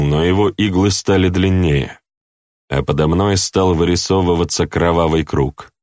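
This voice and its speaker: Guy reading an audiobook, really deep voice, dry close mic, steady and a bit wry. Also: no echo. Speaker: audiobook narrator. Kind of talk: scripted first-person narration.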